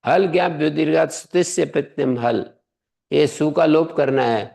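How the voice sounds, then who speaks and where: A man with a heavily gravelly, fry-laden voice that sits a little high for a man. He teaches a grammar class and works through the rules patiently, step by step. He keeps quizzing his students and urges them to speak up. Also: moderate pace, darkish tone. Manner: quizzes students, presses them to answer aloud. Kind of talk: classroom lesson.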